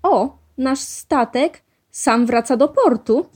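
A woman reading a children's storybook aloud, voicing an eager, brave little boy mouse with excited exclamations. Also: sits high, slow, pitched above the performer's own voice. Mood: cheerful.

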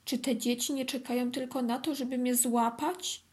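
A woman voicing a tiny, frightened female ant that pleads in a high, wistful voice. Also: steady tone, moderate pace, darkish tone, natural voice. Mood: worried.

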